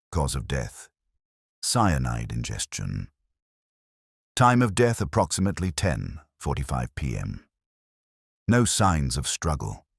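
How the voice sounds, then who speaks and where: Actor as very deep-voiced Inspector Morse, weary and reflective. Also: male voice, no echo, studio quality, full character voice. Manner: measured, literary, melancholy, wry. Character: weary, reflective male police inspector narrating his case. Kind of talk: scripted first-person detective narration, audio drama.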